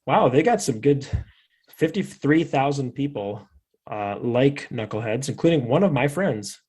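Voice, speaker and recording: A man's voice: mid-range voice, expressive, measured pace, darkish tone, slightly rough. A man from Fargo hosting a podcast, chatting in a rambling, easygoing and jokey way. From Fargo, North Dakota. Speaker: podcast host. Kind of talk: casual podcast chat.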